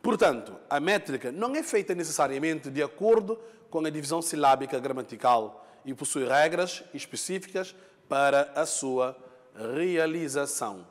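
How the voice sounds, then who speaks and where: A man's voice: a little high, expressive, normal speed, long reverb tail. A male teacher giving a lesson, explaining patiently, repeating points, and checking in with his students. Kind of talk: classroom lesson.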